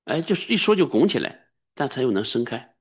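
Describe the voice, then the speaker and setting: A middle-aged man preaching a sermon as a pastor, emphatic and sometimes bursting into high-pitched exclamations. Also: very animated, brisk, husky.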